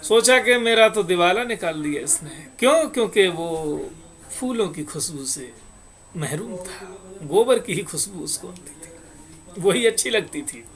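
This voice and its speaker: A man's voice: high-pitched, lively intonation, unhurried, fairly bright tone. A man telling a moral parable and explaining its lesson, speaking straight to his listeners. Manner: explains plainly and addresses listeners directly. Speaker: moral storyteller. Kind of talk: moral parable talk with sung verses.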